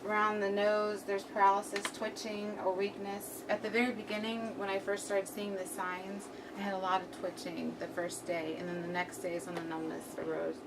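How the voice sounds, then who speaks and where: A woman's voice: medium pitch, little pitch movement, moderate pace, hardly any pauses. A young adult woman giving a prepared student presentation to a class, her speech slightly numb and impaired on one side of the mouth. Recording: distant mic, clearly noisy room recording.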